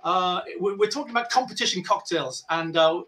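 Jovial high-voiced male host. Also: a little fast, fairly bright tone. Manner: jovial, chatty, filler-heavy. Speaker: show host. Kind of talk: casual video call hosting. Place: home room with guitars. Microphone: video call webcam.

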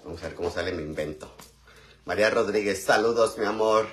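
Mexican guy cooking live, cussing and shouting out viewers, lowish voice, faint sizzle behind. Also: brisk, a little hiss or hum. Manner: slangy and crude, greets viewers by name. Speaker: live-stream cook. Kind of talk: casual live-stream chat.

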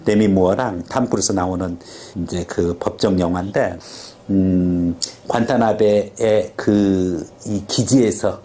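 Mellow-voiced male teacher drilling vocabulary. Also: lowish voice. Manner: quizzes the class and drills pronunciation; talkative, drifts into stories. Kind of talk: classroom vocabulary lecture.

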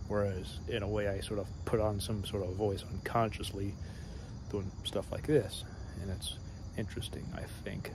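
His voice is fairly deep and low, with little pitch movement: a man in his thirties vlogging in a halting, rambling monologue full of fillers and unfinished thoughts. Night crickets and insects are loud in the background.

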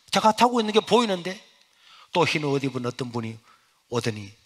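A middle-aged male pastor, giving an emotional sermon testimony that swings from hushed to loud. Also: medium pitch, husky.

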